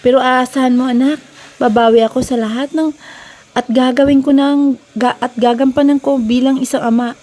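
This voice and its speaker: A woman voicing an adult husband in a romance story, a remorseful, doting man who speaks earnestly and gently. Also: high-pitched, steady tone, normal speed.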